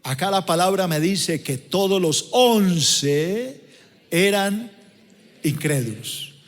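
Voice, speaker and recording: A man's voice: very high-pitched, fairly bright tone. A man, preaching a dramatic sermon as pastor and acting out scenes. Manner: dramatic, acts out scenes with voices. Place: large church auditorium. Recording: long church-hall reverb.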